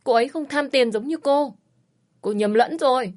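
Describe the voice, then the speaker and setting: A woman's voice: sits high, normal speed, a little mellow, voice pushed up, natural voice. A woman voicing a young man who coldly rejects his former lover in a dream scene. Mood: contemptuous. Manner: harsh, rejecting. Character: young fisherman, cold and scornful in a dream.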